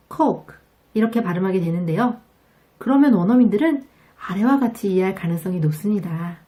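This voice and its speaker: A woman with a Korean accent giving a scripted English pronunciation lesson, explaining patiently and clearly. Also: mid-range voice, dark tone. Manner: clear, patient, demonstrates words slowly.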